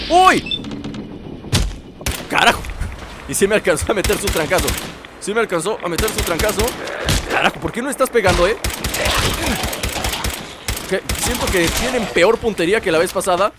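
An excitable young man, narrating his gameplay with jokes and asides to viewers. His voice sits high for a man, with a faint hiss of noise behind it. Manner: excitable, jokey, talks to viewers, yells when startled. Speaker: gaming YouTuber. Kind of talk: let's play commentary.

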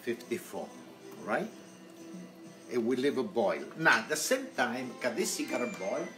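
A man's voice: mid-range voice, very animated, unhurried. A man in his eighties with an Italian accent, chatting in broken English while cooking live in his home kitchen, filmed on a handheld phone. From Italy. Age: 80s. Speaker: home cook host. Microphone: handheld phone camera. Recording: echoey kitchen with faint music.

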